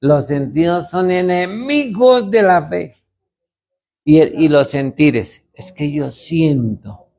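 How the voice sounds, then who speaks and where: A man's voice: fairly high pitch, expressive, slow pace, darkish tone. A man, a pastor, teaching other pastors in a conversational way and retelling stories with quoted dialogue. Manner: gravelly, anecdotal, retells dialogue.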